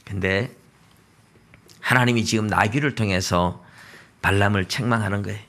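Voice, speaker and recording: A male pastor with a Gyeongsang Korean accent preaching a sermon in church, acting out dialogue in different voices. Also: fairly high pitch. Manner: acts out dialogue in lively voices.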